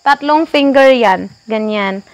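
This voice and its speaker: High-voiced playful young woman vlogger. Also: slow pace. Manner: playful teasing, frequent joking asides. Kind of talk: casual cooking vlog. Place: outdoors on a family farm. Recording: loud insect and cricket noise.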